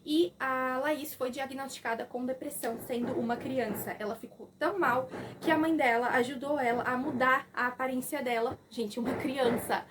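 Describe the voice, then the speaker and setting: A young woman with a Brazilian Portuguese accent recaps a film in a casual, animated way and slips into the characters' lines as she goes. Her voice sits high. A faint hiss runs under the recording. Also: normal speed. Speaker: film reviewer.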